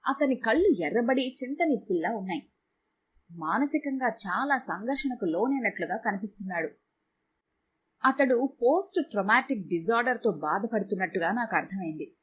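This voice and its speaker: A woman narrating a first-person audio story in a calm, measured way. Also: on the high side, slight background noise.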